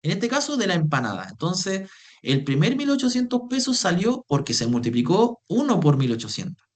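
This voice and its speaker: A man's voice: high-pitched, wildly swooping pitch, moderate pace. Patient man teaching. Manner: patient, repeats phrases, calls students "chiquillos". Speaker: Excel workshop instructor. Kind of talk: online class explanation.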